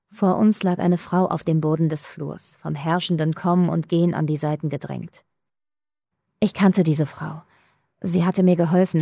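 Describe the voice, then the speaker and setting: A woman reading a first-person story as an audiobook narrator, calm, measured and somber. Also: sits low, creaky, no echo, clean studio sound.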